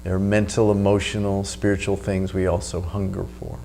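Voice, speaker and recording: A man giving spoken meditation instruction as the teacher, in an unhurried, instructional way with pauses. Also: low voice, level tone, creaky. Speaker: meditation teacher and video host. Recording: noticeable background hum.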